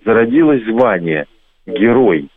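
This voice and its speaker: A man from Belarus, a radio guest who explains patiently and slowly spells out sounds as examples. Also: fairly low pitch, big pitch swings. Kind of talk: radio conversation. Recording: tinny phone-like line.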